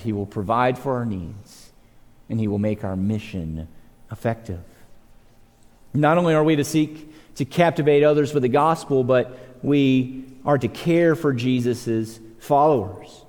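A man's voice: medium pitch, measured pace, a little mellow. A man preaching a sermon as pastor, earnest and emphatic, repeating words as he builds a point and letting his voice rise and fall. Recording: long reverb of a church hall.

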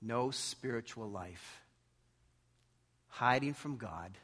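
A man preaches a church sermon and prays with emphatic exhortation, using short repeated phrases and rhetorical questions. His medium-pitched voice is slow, a bit bright and husky. The recording carries the reverb of a large church hall, with music playing behind him.

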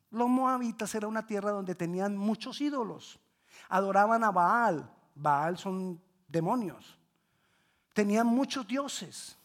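Bible class teacher, retelling a scripture story, repetitive, emphatic, quizzes the class, self-correcting, mid pitch. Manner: corrects own slips mid-sentence.

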